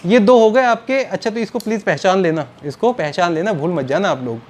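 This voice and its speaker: A man teaching a biology lecture to students, mixing Hindi and English and slowly repeating key terms, fondly calling them children. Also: sits high. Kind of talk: recorded online lecture.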